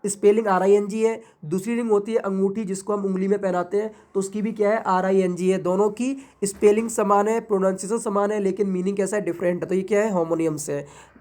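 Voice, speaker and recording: A woman tutor walking her students through exam material at a steady, middle pitch. She poses a question, answers it herself, and spells each word out letter by letter. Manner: keeps asking and answering her own rhetorical questions; reads English definitions slowly and deliberately. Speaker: English tutor. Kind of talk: exam-prep lecture.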